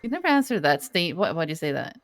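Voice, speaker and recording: A woman's voice: deep voice, very animated, fast talker, no echo. A woman chatting casually over voice chat, talkative and easily sidetracked, often laughing. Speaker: role-play player.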